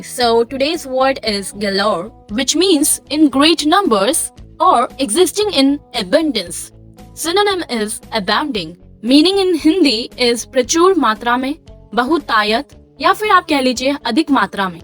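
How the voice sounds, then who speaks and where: A young Indian woman teaching English vocabulary, repeating each word slowly and mixing in Hindi explanations. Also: high voice, a bit bright. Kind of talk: slow dictation-style vocabulary lesson.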